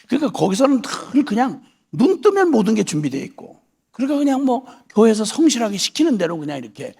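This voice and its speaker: A man's voice: high voice, creaky, husky. A middle-aged man preaching a sermon as a missionary, telling a story and acting out the voices in it. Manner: animated, acts out voices in quoted prayers.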